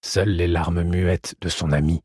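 A man reads an adventure novel aloud at an even, unhurried pace. His voice is low and markedly husky, with a breathy grain. The recording is close and dry, with no room sound. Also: no echo. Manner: steady measured storytelling. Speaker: audiobook narrator. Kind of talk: scripted narration.

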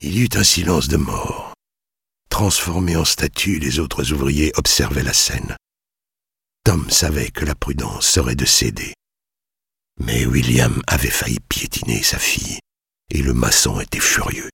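A man with an extremely low, gravelly voice reads a novel aloud, and his husky tone swings widely in pitch for dramatic effect. The recording is close and dry, with no room sound. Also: a bit bright, dry recording. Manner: measured, dramatic storytelling. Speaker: audiobook narrator. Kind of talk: scripted narration of a novel.

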